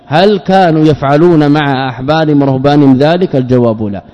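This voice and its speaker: A man's voice: fairly high pitch, fast talker. A man giving a religious lesson, explaining terms and grammar and putting questions to his listeners. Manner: explains words and grammar, asks the audience questions. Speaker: Islamic scholar teaching a book. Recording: dull lo-fi recording with long hall reverb.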